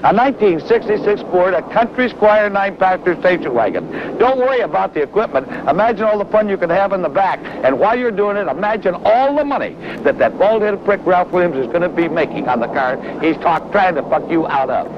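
A middle-aged American man delivering an emphatic, foul-mouthed sales pitch in the style of a 1960s television car commercial. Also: animated, brisk. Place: car lot among parked cars. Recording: dull, noisy 1960s TV tape.

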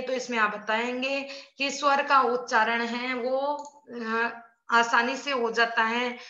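A woman's voice: on the high side, pushed and bright. A woman teacher giving an online class, explaining step by step and quizzing her pupils as she goes. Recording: dull lo-fi sound in an echoey room.

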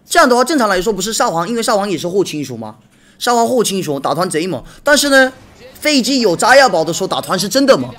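A young man streaming live, chatting casually while watching a match and thanking viewers for gifts, repeating himself when excited. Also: sits high, fast talker. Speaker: game streamer.

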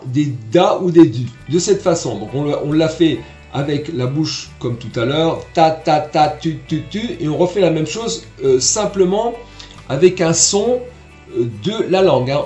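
Patient French trumpet teacher, echoey room. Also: male voice, a little high, expressive, measured pace, darkish tone, soft background music. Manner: patient, explanatory, demonstrates syllables aloud. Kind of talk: online music lesson.

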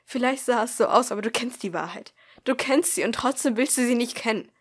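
A woman voicing a blunt, protective blonde schoolgirl with sharp, scolding outbursts. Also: mid-range voice, fairly even intonation, moderate pace, husky. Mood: angry.

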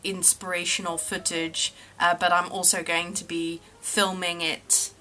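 Woman, 30s, vlogging artist; lowish, bright voice, musing and self-deprecating. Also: little pitch movement, a little slow. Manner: reflective and self-deprecating, thinking aloud. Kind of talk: casual vlog chat.

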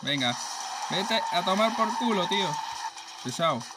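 A man with a Spain Spanish accent giving excitable, profane let's play commentary, joking and trash-talking rival racers. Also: high voice, a little slow, very noisy. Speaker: gaming channel host. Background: racing game music and sounds.

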